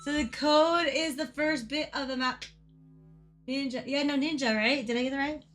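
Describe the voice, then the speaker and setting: A chatty, excitable woman game streamer with a bright, fairly high voice that is hoarse from coughing. She talks casually, repeats her phrases and swears freely, with music playing along. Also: normal speed. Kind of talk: casual live-stream chat.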